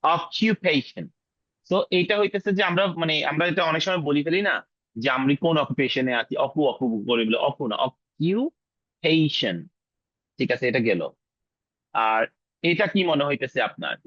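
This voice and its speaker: A male English teacher running a class, drilling pronunciation and repeating words slowly while mixing English into his casual talk. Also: on the high side, lively intonation, dry recording, dull audio. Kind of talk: online class lesson.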